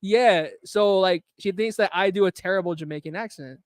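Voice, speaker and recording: A man's voice: high-pitched, normal speed, no room sound. A man hosting a livestream, chatting casually and joking with a playful, laughing manner. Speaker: livestream host. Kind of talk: casual streaming banter.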